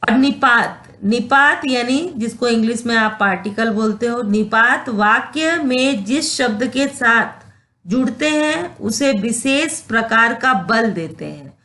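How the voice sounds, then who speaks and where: A woman teaching grammar at an unhurried, deliberate pace. Her voice sits fairly high, and she explains each point patiently before acting out short example phrases. She pauses to check that her listeners understand. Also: expressive, pushed and bright. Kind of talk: classroom grammar lesson.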